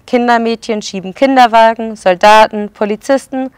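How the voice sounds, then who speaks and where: A woman preschool educator reading a picture book aloud to children and pausing to explain the pictures. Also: a little high, clean tone, no echo.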